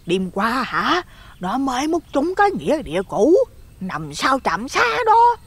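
A man voicing a loud, nosy, gossipy village woman, husky and lively, dropping to spooky whispers. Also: very high voice, unhurried, dry recording, pitched above the performer's own voice, heavily acted.

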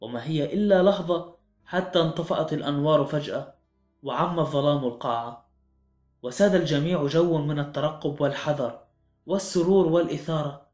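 A man's voice: fairly high pitch, a little fast, darkish tone. A man narrating a mystery audiobook in a dramatic, suspenseful manner. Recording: echoey room with faint music.

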